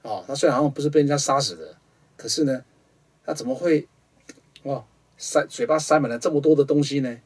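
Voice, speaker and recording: A man's voice: mid-range voice, brisk, pauses often, slightly rough, distant mic. Dramatic Taiwanese-accented male storyteller. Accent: Taiwanese Mandarin. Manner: dramatic, swinging from loud emphatic questions to hushed asides. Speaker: show host and storyteller. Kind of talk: ghost-story telling. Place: TV studio.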